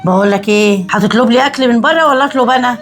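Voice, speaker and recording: A woman's voice: on the high side, rapid-fire, faint music behind, lightly acted. An actress playing a scornful, domineering mother-in-law, speaking with an Egyptian Arabic accent. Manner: scornful, cutting, insulting. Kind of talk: short web drama acting.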